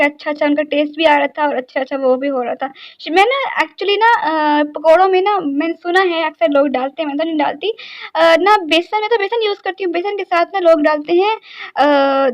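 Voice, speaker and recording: Very high-voiced chatty woman. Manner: chatty and rambling, filler-heavy. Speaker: vlogger. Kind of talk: casual daily-life vlog narration.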